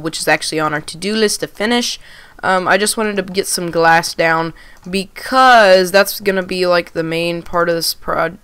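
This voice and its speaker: Smooth-voiced woman narrating a game. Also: on the low side. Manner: relaxed, rambling, lots of ums and restarts. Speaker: gaming channel host. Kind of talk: casual let's-play commentary.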